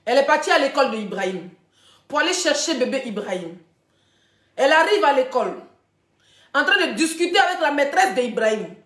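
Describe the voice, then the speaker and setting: A woman hosting a ranting gossip live stream, animated, laughing often and addressing her viewers directly. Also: high voice, brisk, long pauses. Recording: roomy echoey room.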